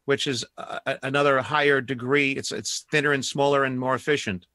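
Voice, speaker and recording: Bright man asking earnest questions. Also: mid-range voice, steady tone, a little fast, dry recording, studio quality. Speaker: comedian co-host. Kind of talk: interview questions.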